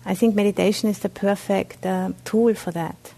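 An Austrian nun, Buddhist and speaking with an Austrian German accent, gives a dharma talk at a meditation center. Her medium-pitched voice is gravelly and warm with fairly even intonation, and her speech is halting, with frequent fillers and restarts.

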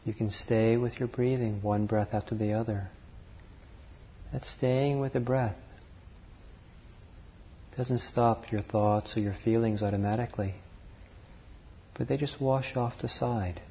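Slow, soft-spoken male meditation guide. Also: mid-range voice. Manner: calm, unhurried, speaks in short phrases with long pauses. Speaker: meditation teacher.

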